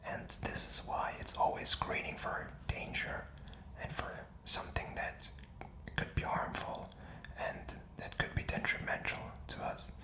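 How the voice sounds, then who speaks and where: An ASMR creator whispers in a rambling, reflective, informal way, feeling his way through his thoughts. His delivery is a little slow with a sharp tone, and the poor audio has a roomy sound.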